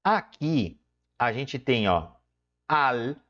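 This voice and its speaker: A man's voice: a little high, very animated, a little slow. A man teaching an exam-prep Spanish lesson, explaining step by step and checking in with the viewer after each point. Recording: dull lo-fi sound.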